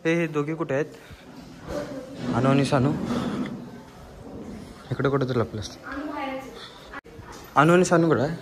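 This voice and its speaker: A man's voice: on the high side, measured pace, long pauses, background noise. A man vlogging at home while playing with his little sisters, playful and coaxing, laughing often. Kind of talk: casual family vlog chat. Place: at home indoors.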